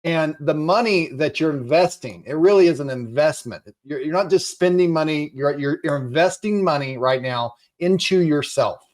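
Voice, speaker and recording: A man coaching real estate investors, giving an urgent, encouraging sales pitch and repeating his phrases. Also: normal speed, few pauses, darkish tone.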